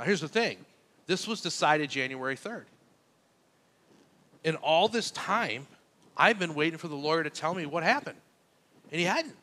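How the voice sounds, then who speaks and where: In a church, a pastor with a high, sharp-toned voice preaches a sermon, telling a personal story conversationally and acting out both sides of the dialogue.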